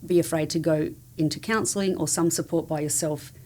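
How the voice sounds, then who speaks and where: A woman's voice: low voice, steady tone, fairly quick, a little mellow. A woman speaking as a podcast guest in a casual conversation, with an earnest, candid and affirming manner. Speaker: podcast guest, family support coach.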